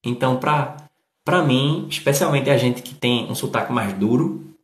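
A man's voice: medium pitch, expressive, normal speed. A man from Northeast Brazil with a Northeastern Brazilian accent, casually explaining and demonstrating pronunciations as an English teacher. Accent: Northeastern Brazilian Portuguese. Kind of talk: casual spoken commentary on a read text. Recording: echoey room.

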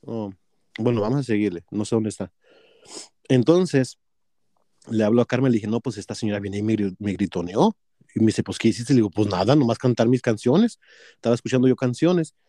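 A man's voice: lowish voice, brisk, dark tone, no echo, clean studio sound. A man with a Mexican accent telling a workplace story in casual chat, profane and gossipy, acting out both sides of a quarrel.

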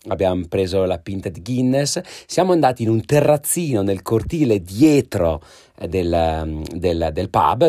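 Hoarse man from Italy, lively swooping storytelling delivery, emphatic. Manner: animated, swooping pitch, emphatic. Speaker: vlogger telling a story. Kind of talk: storytelling monologue.

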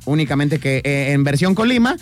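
A man's voice: a little high, animated, brisk. A man with a Mexican accent co-hosting a casual livestream, reading viewer comments aloud and joking in slang. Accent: Mexican Spanish.

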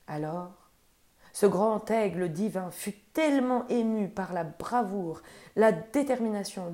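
A woman storyteller reading a children's story aloud in a gentle, expressive way. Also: medium pitch.

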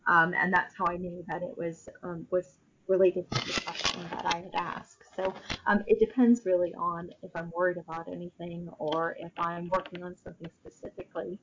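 A woman speaking as an interview guest, explaining her own practice casually in halting, thoughtful phrases. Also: lowish voice, little pitch movement, highs cut off, noisy background.

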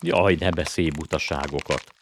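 A man reading aloud and voicing a sharp-tongued young girl who scolds impatiently. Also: a bass voice, steady tone, slight background noise.

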